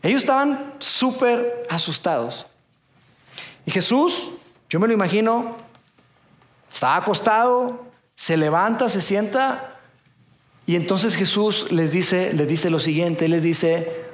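A man preaching a sermon, telling a story playfully, with dramatic pauses. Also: high voice, expressive, roomy sound. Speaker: pastor.

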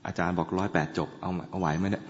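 Monk teaching, slow and lowish voice, dull recording in a big reverby hall. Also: male voice, little pitch movement, slight background noise. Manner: slow, chants Pali in a measured tone and explains with dry humor. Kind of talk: dharma talk with chanting.

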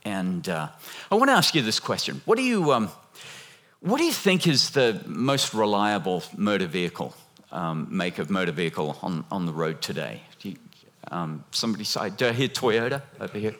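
A man delivers a sermon in an animated, conversational way, his voice rising and falling across a wide range. He stops and restarts often, fills pauses, and keeps turning to the congregation with chatty, joking asides. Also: on the low side. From lived half in Australia, half in America. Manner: animated, halting with many restarts and fillers. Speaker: guest preacher. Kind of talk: sermon with audience interaction.

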